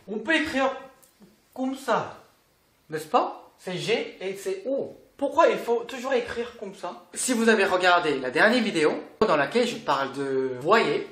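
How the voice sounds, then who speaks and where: Language tutor, unhurried and lively in pitch, recorded in a roomy echoing space. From South Korea. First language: Korean. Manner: patient, repeats sounds and checks in often. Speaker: language teacher. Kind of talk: online lesson. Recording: roomy echo.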